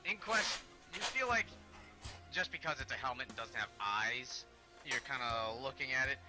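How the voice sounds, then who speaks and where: A man runs a tabletop game as game master. He narrates in a measured, halting way, pausing and filling the gaps. His voice sits at a middling pitch, with clear music playing behind him. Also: lively intonation.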